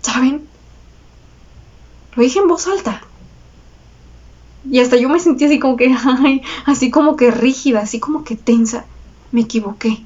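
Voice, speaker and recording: This high-voiced woman talks at a normal speed with long pauses and a slightly mellow tone, though the recording sounds dull. On her astrology channel she shares a personal story with viewers in a Mexican Spanish accent, slangy and confessional, full of laughter and tag questions.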